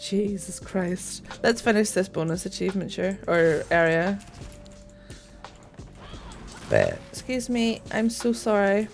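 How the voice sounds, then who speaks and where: A young woman streaming a game, chatting casually, swearing freely and squealing when excited. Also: medium pitch, normal speed, vocal fry, soft background music. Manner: bubbly, swears freely, greets chat warmly. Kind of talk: casual gaming stream chat.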